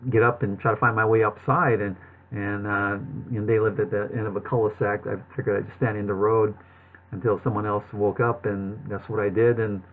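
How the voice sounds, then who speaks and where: A man telling his personal story to viewers in a halting way, with a slight lisp and numb-lipped speech, as if numb from the dentist. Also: on the low side, little pitch movement. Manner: halting, with long pauses and repeated words. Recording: thin, phone-like narrowband sound.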